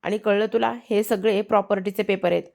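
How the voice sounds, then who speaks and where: A woman's voice: mid-range voice, steady tone, brisk, creaky, darkish tone, lightly acted. A woman voicing a domineering middle-aged matriarch who heads a family business, in commanding, scolding quoted lines from a serial recap.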